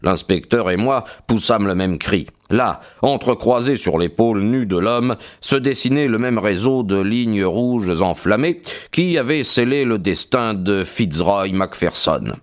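Male narrator, low register; measured scripted audiobook narration. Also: lively intonation.

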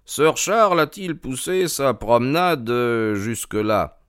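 Man doing an eager, exacting detective for an audiobook: brighter and higher than the narrator, probing, crisp, dry sound. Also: dry recording. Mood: inquisitive. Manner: quick, questioning, excited interjections. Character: keen, probing male detective, eager and precise. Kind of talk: audiobook character reading.

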